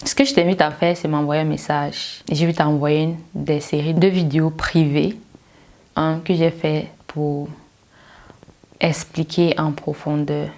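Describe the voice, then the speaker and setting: A woman's voice: low voice, a little mellow. A woman coaching language learners in an emphatic, direct motivational talk, firing rhetorical questions straight at the listener.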